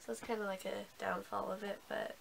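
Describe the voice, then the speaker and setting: A woman's voice: medium pitch, level tone, a little fast, vocal fry, fairly bright tone, a little hiss or hum. Sick-voiced woman chatting about makeup. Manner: chatty, with many ums and restarts. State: sick, with a hoarse voice. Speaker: beauty vlogger. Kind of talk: casual haul review.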